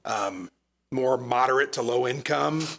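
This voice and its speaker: A man serving as town manager, explaining matters earnestly at a council meeting, hoarse as he loses his voice. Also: mid-range voice, a little slow, fairly bright tone. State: losing his voice. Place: council chamber.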